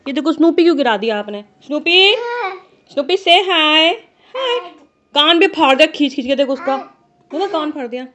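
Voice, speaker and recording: A woman's voice: sits high, lively intonation, moderate pace, pauses often, fairly bright tone. A middle-aged woman vlogging casually from her living room, chatting straight to the camera and calling her viewers "guys" while holding a phone at arm's length. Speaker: family vlogger. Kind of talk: casual vlog chat to viewers. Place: home living room, indoors. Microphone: phone held at arm's length.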